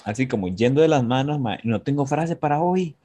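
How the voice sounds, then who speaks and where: Un joven tico habla con calma y humor entre amigos, con voz de altura media. Su acento costarricense se nota en cada frase, y lleva la conversación con soltura. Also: male voice, medium pitch, a little fast. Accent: Costa Rican. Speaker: podcast co-host. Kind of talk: casual chat among friends.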